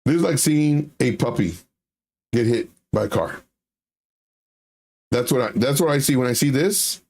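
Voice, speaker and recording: The livestream host talks through crypto charts casually at a moderate pace, his medium-pitched voice creaky, darkish, and lively in intonation. He hammers points bluntly and repeats phrases for effect.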